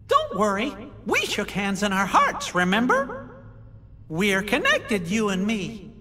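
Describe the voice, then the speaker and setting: A man voicing a small, kindly cartoon mouse king in a video game, earnest and encouraging, in a squeaky falsetto. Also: huge pitch swings, slow, pushed and bright, exaggerated voice. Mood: hopeful, gentle. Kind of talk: video game cutscene acting. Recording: long hall reverb.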